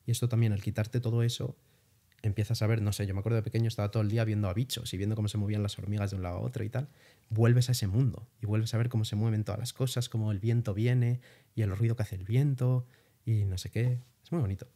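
A young Spanish man speaks fast in a lowish voice, recounting his travels as a guest in a casual interview. He tells the stories with animation and swears lightly along the way.

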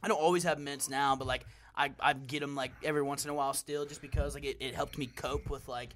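A man's voice: mid-range voice, steady tone, fast talker, a bit bright, a little hiss or hum. A young man hosting a podcast in casual chat, laid-back and full of "bro" and "dude". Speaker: podcast host.

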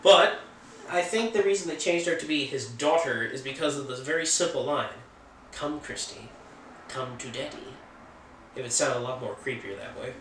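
A man's voice: medium pitch, animated, fairly quick, fairly bright tone, far from the mic, a little hiss or hum. Chatty man reviewing films in a roomy space. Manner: chatty and opinionated, with offhand jokes. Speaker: film reviewer. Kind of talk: casual film review chat. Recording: roomy sound from off the mic.

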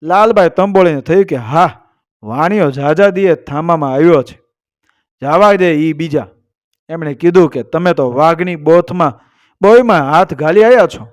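A male storyteller, narrating a folk tale in a lively way that is full of proverbs. His voice sits slightly high for a man. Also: moderate pace.

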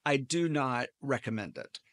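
A man's voice: mid-range voice, normal speed, a bit bright, dry recording. A middle-aged man preaching a sermon at a church pulpit, telling stories with dry humor into a gooseneck mic. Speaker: pastor.

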